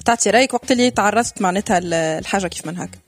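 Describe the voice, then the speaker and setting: A woman's voice: medium pitch, racing. A Tunisian woman presenting on the radio in a promotional host style.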